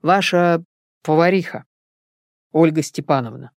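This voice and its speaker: Reader doing a big gentle detective breaking bad news, serious, lowish. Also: female voice, unhurried, no echo, studio quality. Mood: somber. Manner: sympathetic, serious. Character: burly male detective, gentle, sympathetic.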